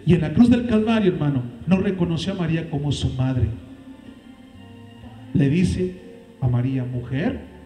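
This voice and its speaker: A man preaching a sermon as pastor, with dramatic swings in pitch and loudness. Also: moderate pace, pauses often, roomy sound, soft background music, rough recording. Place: church.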